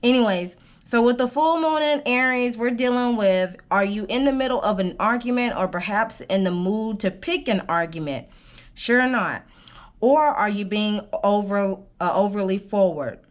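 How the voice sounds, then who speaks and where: A woman's voice: mid-range voice, normal speed. A woman giving a casual spoken tarot reading, meandering with fillers and restarts, often checking in with "okay?", and coughing now and then while she recovers from an illness. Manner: coaching, keeps asking "okay?". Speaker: tarot reader.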